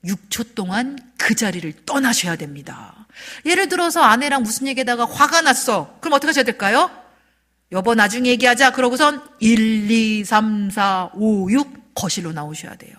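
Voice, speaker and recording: Animated woman preaching with whispered asides. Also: fairly high pitch, normal speed. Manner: emphatic, swings from loud stresses to soft whispers; leads the congregation in call-and-response. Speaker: guest speaker at a church service. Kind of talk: sermon.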